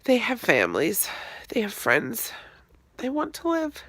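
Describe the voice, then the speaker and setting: Woman crying and blubbering thru a confession, real slow and halting, sighs a lot, close dry sound. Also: on the high side, huge pitch swings, a bit bright, dry recording. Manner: halting, sighing, voice breaking into whispers. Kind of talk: emotional confessional monologue to camera.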